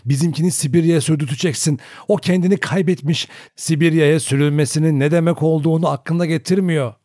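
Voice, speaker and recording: A man's voice: on the high side, fairly quick, mellow, no room sound, pitched above the performer's own voice, close to an everyday voice. Anxious old granny begging, man reading her in a lifted voice, dry close mic. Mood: worried. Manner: anxious, pleading. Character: old grandmother, pleading and devout.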